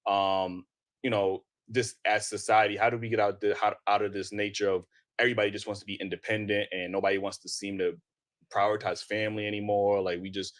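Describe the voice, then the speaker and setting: Guy hosting a podcast, lowish voice, talks quick, dry close mic. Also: flat delivery, no room sound. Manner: poses questions, rambling with fillers. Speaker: podcast host. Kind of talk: casual discussion.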